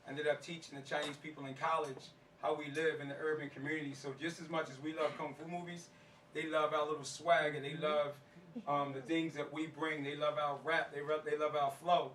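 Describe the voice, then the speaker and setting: Recorded from a distance in an echoey room with a little background noise, a man speaks in a slightly high, fairly bright voice. He's a middle-aged American martial arts instructor addressing a live crowd casually, using slang and repeating phrases to drive points home.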